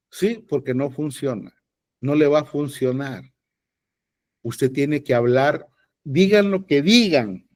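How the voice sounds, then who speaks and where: A man's voice: fairly high pitch, a little mellow, no room sound, studio quality. A man with a Salvadoran accent teaching podcast acting in an online class, blunt and joking with emphatic advice. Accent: Salvadoran Spanish. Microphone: video call.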